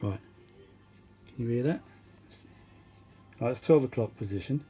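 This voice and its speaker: A British vintage audio repair vlogger talks through a casual, rambling demonstration, chatty and quick with exclamations. His mid-range voice is unhurried and dark, with faint music behind him. The recording is noisy, with clear background noise.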